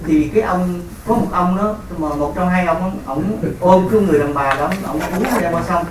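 A man asks a monk a question, speaking haltingly and deferentially. He is picked up from a distance in an echoey room. Faint noise sits behind his voice. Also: high-pitched. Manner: halting and deferential, many pauses. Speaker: questioner at a dharma talk.

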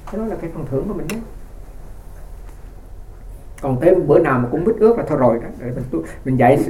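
Monk with a mellow voice. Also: male voice, fairly high pitch, echoey room. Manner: rambling storytelling with frequent restarts. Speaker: Buddhist monk. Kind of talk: conversational dharma talk.

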